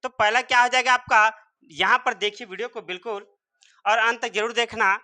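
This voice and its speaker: With an extremely high pitch and a steady tone, a man speaks fairly quickly in a pushed, bright voice. He runs a classroom-style English spelling and pronunciation lesson, sounding out words letter by letter and answering his own repeated rhetorical questions.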